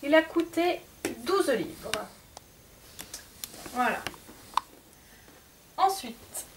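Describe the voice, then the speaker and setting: A woman speaks very slowly and expressively in a voice that sits high, showing her souvenir collection to the camera in a casual unboxing vlog. She's chatty and hesitant, full of fillers. The mic is far from her, picking up faint background noise.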